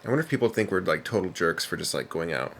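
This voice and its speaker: A man's voice: sits low, very animated, quick pace, slight background noise. A young adult man co-hosting a podcast in casual chat, rambling with many ums and restarts. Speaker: podcast co-host.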